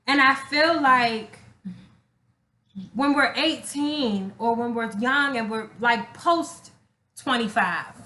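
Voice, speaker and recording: In an echoey room, a young adult woman with a slightly high, sharp voice co-hosts a podcast. She talks about relationships openly and casually, using emphatic slang and plenty of curse words.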